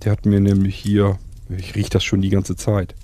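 A man's voice: lowish voice, completely flat delivery, moderate pace, warm tone. A man chatting enthusiastically in a rambling way, with many fillers, in an in-character survival role-play.

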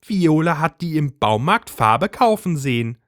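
A shrill, bossy middle-aged housewife from a storybook reading, convinced of a conspiracy and nagging her husband without pause, as a man puts her on. Her voice sits well above a man's and leaps about wildly. The sound is close and dry. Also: big pitch swings, a bit bright, dry recording. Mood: indignant.

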